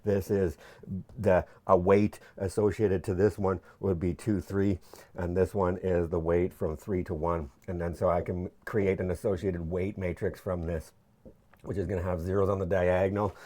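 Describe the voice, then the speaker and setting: Young guy, lowish voice, casual whiteboard lecture, keeps restarting sentences, jokey. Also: little pitch movement, moderate pace, a little mellow. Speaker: PhD student explaining his research. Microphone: camera mic.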